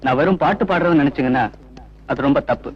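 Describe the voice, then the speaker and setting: A man's voice: fairly high pitch, fast talker, husky, lo-fi sound. An actor playing a confident young male singer who talks in a cool, teasing way. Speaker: stage singer.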